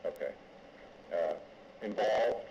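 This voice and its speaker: A male lawyer conducts a formal courtroom examination in a deliberate, halting manner. His voice is on the low side. It echoes strongly in the room, and the recording is somewhat dull. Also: gravelly, a little mellow, slight background noise. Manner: deliberate, halting step-by-step questioning. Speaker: lawyer questioning a witness.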